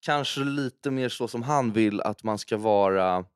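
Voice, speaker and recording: A man's voice: on the low side, clear, resonant tone, no room sound, clean studio sound. A man co-hosting a podcast, chatting casually and acting out the voices of people in his stories. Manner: animated storyteller who acts out quoted voices. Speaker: podcast co-host. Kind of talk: casual chat.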